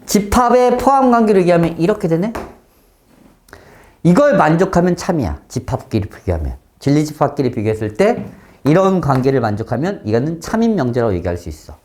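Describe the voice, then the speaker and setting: A man teaching a math class, often stopping to check that students follow and switching between polite and blunt speech, with sudden loud exclamations. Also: fairly high pitch, very animated, a little fast.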